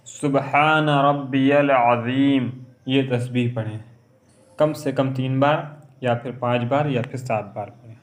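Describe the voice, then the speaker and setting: A man teaching how to pray, explaining each step and repeating it, then reciting Arabic verses in a slow chant. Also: mid-range voice. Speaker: religious teacher. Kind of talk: instructional lesson on prayer.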